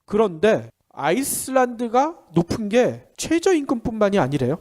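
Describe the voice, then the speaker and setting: A man's voice: sits high, very animated, moderate pace, a little mellow. A man with a nasal, pinched-nose voice congested by a head cold, hosting a conversational economic briefing in a chatty, explanatory way with questions he answers himself. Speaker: economic news podcast host.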